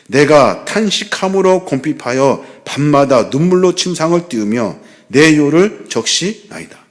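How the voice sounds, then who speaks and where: Forties guy preaching a sermon, earnest and pleading, gets fervent. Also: fairly high pitch. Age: 40s. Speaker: pastor. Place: church hall.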